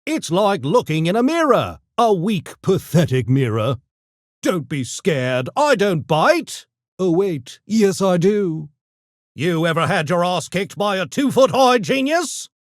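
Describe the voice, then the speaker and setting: A pint-sized gremlin intellectual for a video game. The voice swings dramatically up and down and takes its time over every fancy word. It is smug, pompous and mischievously menacing, recorded dry and close. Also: male voice, sits high, big pitch swings, slow pace, dry recording, heavily acted. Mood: mocking, menacing. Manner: pompous, wordy, mock-genteel diction. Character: small, erudite, smug male gremlin genius with mischievous menace. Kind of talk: video game character voice lines.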